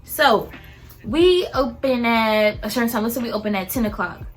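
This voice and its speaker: A young woman in a casual storytime rant about fast food work, animated and mimicking customers. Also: a little high, faint music behind. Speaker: vlogger and fast food worker.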